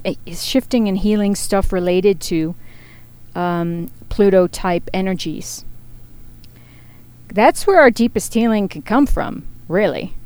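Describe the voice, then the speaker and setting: Woman, casual forecaster, smooth clear voice, rambling and self-mocking. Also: mid-range voice, darkish tone. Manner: chatty, rambling, laughs at herself. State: feeling hot and sweaty. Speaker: astrology forecaster.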